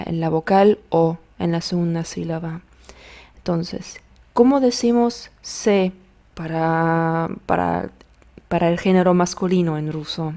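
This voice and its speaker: A woman teaching a beginner language video lesson in an unhurried, patient way. Her voice sits a little low and has a mellow, soft tone. She pauses to model each word carefully. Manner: slow, patient drilling of words, modeling pronunciation.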